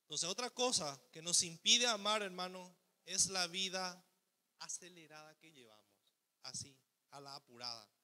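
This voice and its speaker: In a church hall with long reverb, a male pastor preaches a sermon, posing rhetorical questions and voicing the selfish ego. His voice is high, pushed and bright, at a normal speed.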